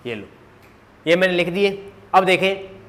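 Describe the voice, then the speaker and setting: A man's voice: high-pitched, expressive, unhurried, fairly bright tone. A man teaching a grammar lesson at a board, quizzing his students with questions and answering them himself, drilling letters one by one.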